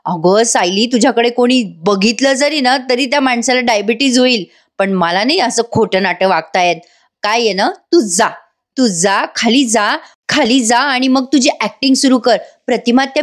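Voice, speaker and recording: A woman's voice: a little high, normal speed, lightly acted. Woman reading as a mocking young villainess. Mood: taunting. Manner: mocking, taunting. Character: scheming young woman villain, sharp-tongued.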